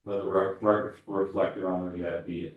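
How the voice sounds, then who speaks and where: A man questioning a witness in court, asking halting questions with frequent restarts, heard as a courtroom recording. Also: low-pitched, level tone, phone-quality sound. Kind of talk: courtroom examination. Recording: very echoey courtroom audio from far off.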